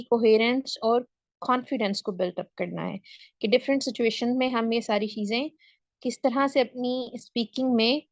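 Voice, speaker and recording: A woman's voice: on the high side, no room sound, muffled recording. A woman with a Pakistani accent giving an online spoken English lecture, often checking in with her students as she explains. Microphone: video call.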